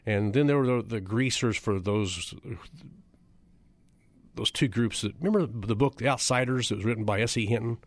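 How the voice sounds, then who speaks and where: A man's voice: mid-range voice, normal speed, no room sound. A middle-aged man, a chiropractor giving a public talk, repeating figures for emphasis and throwing rhetorical questions at the audience. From United States.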